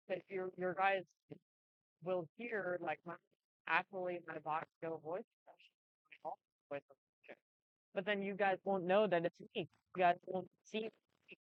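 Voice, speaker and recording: An anime channel creator giving a casual channel update, talking in a halting, rambling way with many restarts. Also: medium pitch, no echo. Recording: dry, slightly dull lo-fi recording.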